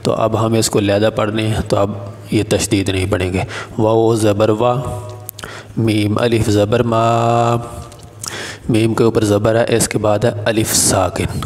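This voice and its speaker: A man teaching Quran reading step by step, naming letters and vowel marks and then slowly drawing out each syllable. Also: fairly low pitch, darkish tone, big-room sound. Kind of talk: step-by-step recitation lesson.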